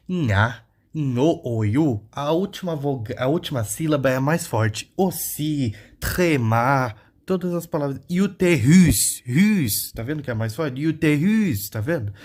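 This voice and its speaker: A young man teaches pronunciation in a relaxed, chatty way. He explains each sound step by step and keeps checking that listeners follow, with a voice of ordinary pitch. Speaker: language teacher. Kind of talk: casual pronunciation lesson.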